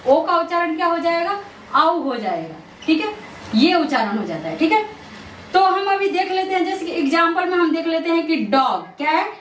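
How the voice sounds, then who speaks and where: A woman, teaching English pronunciation in a classroom style. She keeps asking questions and answering them herself, with a steady stream of "theek hai". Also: very high voice, moderate pace, slight background noise. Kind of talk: classroom-style lesson explanation. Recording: echoey room, voice from a distance.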